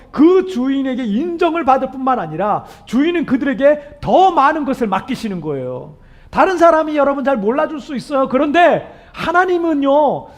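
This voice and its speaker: Here a male pastor delivers an emphatic, heartfelt sermon, often questioning the congregation directly. His voice sounds worn and hoarse, breaking when it climbs high.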